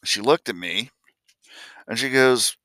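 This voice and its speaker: A man's voice: mid-range voice, takes it slowly, pushed and bright, dry recording, studio quality. An older man from Ohio telling a family story as a vlogger, folksy and blunt, and acting out the voices of the people in it. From Columbus, Ohio, USA. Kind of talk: personal storytelling.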